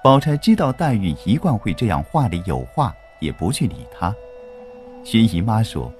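A man narrating a children's story in an expressive, animated way. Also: lowish voice, normal speed, music in the background.

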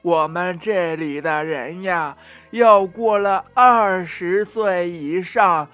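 A man putting on a kindly old village woman from a children's storybook who drags out every phrase in a slow, patient drawl. Her voice sits high in the register, with a changed, unfamiliar tone. It is dry and close, with nothing around it. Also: a bit bright, dry recording, highs cut off, soft background music. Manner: slow, drawn-out speech.

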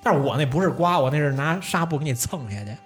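Young male podcast host, lively swooping delivery, casual and profane. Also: on the high side, fast talker. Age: young adult. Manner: animated storyteller, swears, laughs often. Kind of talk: casual chat.

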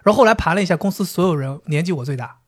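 A man's voice: a little high, lively intonation, rapid-fire, slightly rough. A man, co-hosting a casual chat, acting out dialogue with lots of laughs and swearing. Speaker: podcast co-host.

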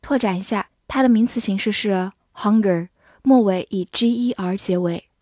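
A woman leads a scripted English vocabulary lesson, spelling out each word letter by letter and slowly reading example sentences. Her medium-pitched voice has a darkish tone, recorded dry with clean studio sound.

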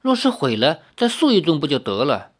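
A man's voice: on the high side, huge pitch swings, a little fast. A man doing an easygoing young swordsman. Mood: offhand.

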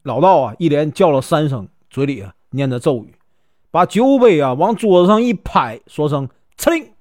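Man, Northeastern Chinese accent, folk storyteller, fairly high voice, dry close sound. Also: dry recording. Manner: lively, colloquial with drawn-out particles.

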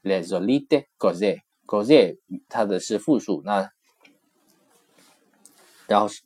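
A man's voice: lowish voice, lively intonation, takes it slowly, a little mellow. A man teaching a language lesson. He explains patiently, repeats each phrase several times and compares words with English. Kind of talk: recorded textbook lesson explanation.

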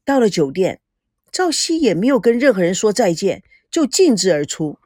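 A woman narrating an audiobook novel in an expressive storytelling manner, voicing every character herself. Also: mid-range voice, moderate pace, dry recording, clean studio sound.

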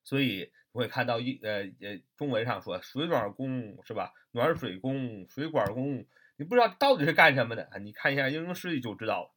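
A man's voice: mid-range voice, expressive, brisk, a bit bright. A man teaching English vocabulary in a chatty way, spelling words out letter by letter and asking rhetorical questions. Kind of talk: lively vocabulary lesson.

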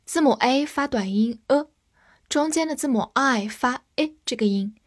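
Here a woman with a high voice, Chinese by first language, patiently teaches English words by spelling them one letter at a time and leading slow read-alongs. The audio is clean studio sound with no echo.

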